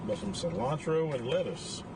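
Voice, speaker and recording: A man's voice: medium pitch, animated, moderate pace. A man chatting casually in an offhand, colloquial way. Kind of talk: casual chat about food. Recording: distant mic, loud background noise.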